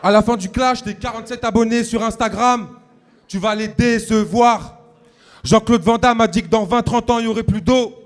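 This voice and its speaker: A man's voice: extremely high pitch, steady tone, normal speed, some chatter behind. A man rapping playful, mocking insults at an opponent, with sing-song repetitions. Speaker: battle rapper. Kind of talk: a cappella rap battle verse.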